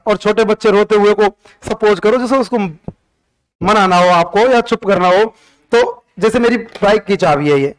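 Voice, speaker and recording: A man with a high, clear voice teaching a class in a classroom. He talks in a chatty, teasing way with his pupils as he tells the history lesson. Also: poor audio.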